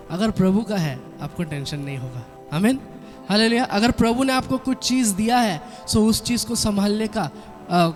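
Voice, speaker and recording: A male pastor preaching a sermon emphatically, often breaking into amen and hallelujah and mixing in English words. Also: sits high. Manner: mixes Hindi with English words and Bengali sayings. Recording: long hall reverb with faint music.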